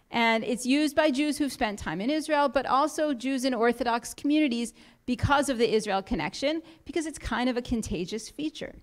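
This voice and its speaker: A woman giving an explanatory talk to a congregation in a synagogue, lightly humorous and full of quoted examples. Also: fairly high pitch. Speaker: guest speaker. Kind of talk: lecture to a congregation.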